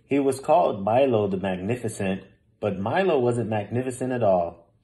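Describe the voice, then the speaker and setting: Indoors in a small room at home, a man narrates a children's picture book aloud. His voice is warm and on the low side, with lively intonation at a normal speed.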